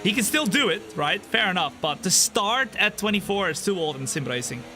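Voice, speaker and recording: A man in his twenties streams a racing sim, speaking a little fast as he comments live and chats with viewers. His voice jumps high with excitement in race action and settles into a laid-back tone between, over engines and game music.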